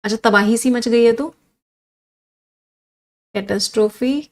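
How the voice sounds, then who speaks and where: A woman's voice: a little high, measured pace. A woman with an Indian accent teaching English vocabulary in a live online class, listing synonyms and reading out student comments. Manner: animated, reads comments and drills synonyms with students.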